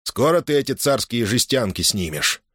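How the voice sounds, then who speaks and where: A man voicing a brash, drunk young front soldier who shouts defiantly. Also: mid-range voice, big pitch swings, normal speed, no room sound, clean studio sound.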